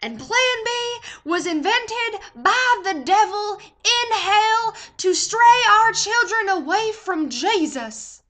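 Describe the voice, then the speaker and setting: A woman imitating a preachy male religious radio host who booms out slow, drawn-out sermon lines. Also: sing-song, sharp tone, heavily acted.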